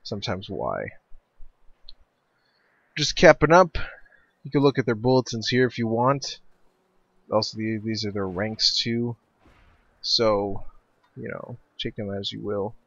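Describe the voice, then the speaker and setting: A man's voice: fairly low pitch, animated, unhurried, vocal fry, long pauses, fairly bright tone, muffled recording. A man casually commentating a strategy game replay, loose and rambling, swearing now and then.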